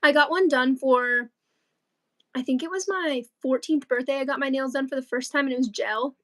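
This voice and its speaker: High-voiced chatty teen girl. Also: moderate pace, fairly bright tone. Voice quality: chatty, rambling with many likes and ums. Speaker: co-host of a crochet livestream. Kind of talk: casual livestream chat.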